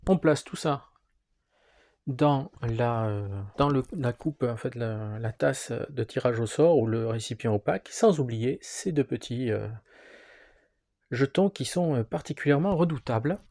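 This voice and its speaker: A man with a gravelly, dark voice walks viewers through setting up a historical wargame. He pauses often with fillers as he sorts the pieces and explains each step. The tone is that of a relaxed tabletop tutorial. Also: medium pitch. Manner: hesitant, frequent fillers while handling pieces. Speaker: board game presenter. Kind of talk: wargame rules walkthrough.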